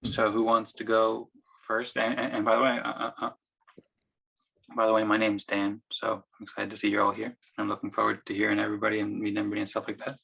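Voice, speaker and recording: A man's voice: on the low side, completely flat delivery, fast talker, vocal fry, a bit bright, breathy edge, low-quality recording. An American man presenting in a casual video-call meeting, talking hesitantly with lots of fillers. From United States.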